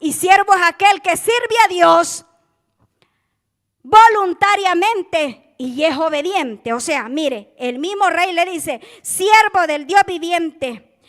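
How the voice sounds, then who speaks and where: A woman preaching an impassioned sermon in a very high voice. She takes her time, drawing out phrases. Her delivery swings between loud emphasis and near-hushed asides. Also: slow.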